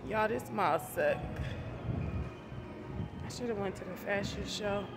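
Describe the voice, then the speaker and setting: A woman in her forties vlogging from her phone while she walks through a mall and then a parking lot, chatty and slangy. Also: mid-range voice. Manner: slow, chatty, slangy, talks straight to the phone while walking. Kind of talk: casual walking vlog chat. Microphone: phone held at arm's length. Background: background music, traffic and wind.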